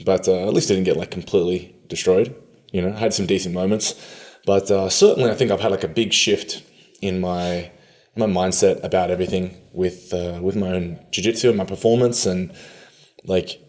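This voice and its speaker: A man's voice: deep voice, fairly even intonation, brisk, a little mellow. A man with an Australian accent, chatting casually as a podcast guest, laid-back and often laughing. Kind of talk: casual interview chat.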